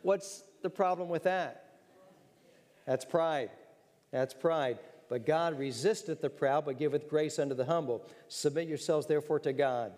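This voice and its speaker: A man preaching a sermon as pastor, earnest and direct, clearing his throat now and then. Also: fairly high pitch, normal speed, darkish tone. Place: church sanctuary. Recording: reverberant church sanctuary.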